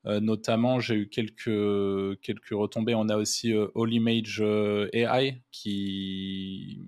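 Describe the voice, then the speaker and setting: A man's voice: lowish voice, flat delivery, slow, a little mellow. A man co-hosting a podcast, chatting casually and rambling with many restarts and fillers. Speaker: podcast co-host.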